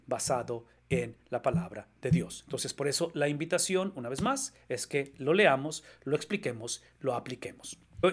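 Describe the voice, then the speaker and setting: A man delivering a sermon in a slightly high-pitched voice. He preaches with emphasis, tossing rhetorical questions to the listeners and checking that they follow. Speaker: pastor.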